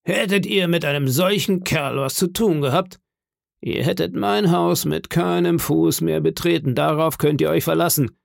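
A man's voice: moderate pace, gravelly, no echo, studio quality. Long John Silver, a man doing a hearty pirate innkeeper. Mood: stern. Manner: hearty, booming, feigned indignation. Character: jovial one-legged pirate innkeeper, cunning man.

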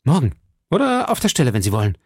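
A man's voice: mid-range voice, wildly swooping pitch, quick pace, darkish tone, breathy edge, dry recording, heavily acted. A man reading an audiobook, voicing an impulsive, passionate young male swordsman with heated, emphatic delivery. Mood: ardent.

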